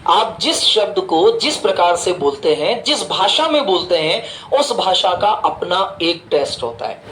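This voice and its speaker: A man teaching an English lesson in Hindi, asking playful rhetorical questions and slowly spelling words out for dictation. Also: high voice, big pitch swings, a bit bright, roomy sound, a little hiss or hum, rough recording.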